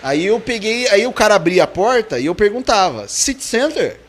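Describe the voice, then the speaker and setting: A man's voice: sits high, very animated, brisk. A man with a Brazilian Portuguese accent, a podcast guest telling casual stories, acting out the dialogue and laughing often. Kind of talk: casual storytelling in a podcast interview.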